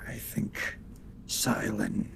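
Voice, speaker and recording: A man voicing a grieving, weary fantasy warrior in a tabletop game, making halting, grave declarations. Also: music in the background.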